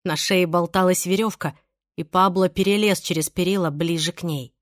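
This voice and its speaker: A woman narrating an audiobook in a steady, measured way. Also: lowish voice, dry recording, studio quality. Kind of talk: scripted narration.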